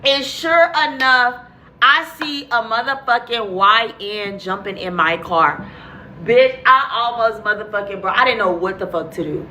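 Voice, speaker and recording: A woman's voice: fairly high pitch, unhurried, bright, forceful tone, slight background noise, low-quality recording. A young adult woman telling a casual, profane story to her viewers, blunt and chatty, acting out her own reactions.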